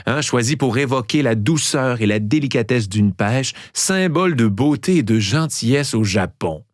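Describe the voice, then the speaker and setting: A man with a Québécois accent hosting a show, playfully telling riddles and trivia and repeating each clue slowly. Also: mid-range voice, expressive, no room sound, studio quality. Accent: Québécois French. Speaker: podcast host. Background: background music.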